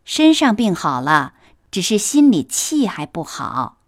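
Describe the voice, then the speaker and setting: A woman's voice: medium pitch, sing-song, measured pace. A woman voicing a cheerful young maidservant who teases her mistress and the young master in a storybook reading. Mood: teasing. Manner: teasing, cheerful. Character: teasing young maidservant, lively and chatty.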